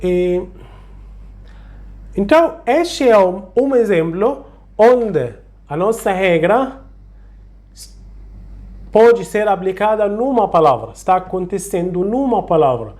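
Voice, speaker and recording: Slow, patient recitation teacher. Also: mid-range voice, lively intonation, darkish tone. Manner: slow, patient, repeats sounds and words to demonstrate. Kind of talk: slow tutorial on Quranic recitation rules.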